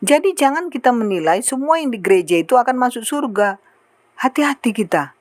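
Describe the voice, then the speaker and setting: A woman preaching a sermon in an animated way, acting out the prayers and remarks she quotes. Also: on the high side, fairly quick, no room sound.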